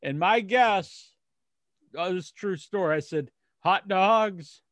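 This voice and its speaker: American man, slightly high pitch, casual co-host chat, halting rambling delivery, very dry sound. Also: expressive, no room sound. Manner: rambling, halting storyteller with false starts. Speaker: podcast co-host.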